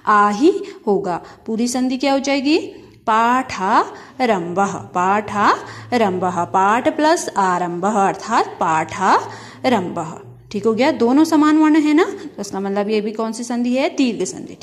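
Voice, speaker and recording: A woman teacher giving a grammar lesson, asking questions and answering them herself, slowly stretching out sounds as she spells them. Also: on the high side. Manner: asks questions and answers them herself, repeating key terms; drawn-out syllables when spelling out sounds.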